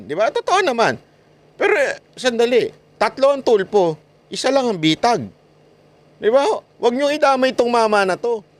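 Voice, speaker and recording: A man from the Philippines giving animated political commentary as a vlogger, mocking his critics and laughing often. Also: a little high.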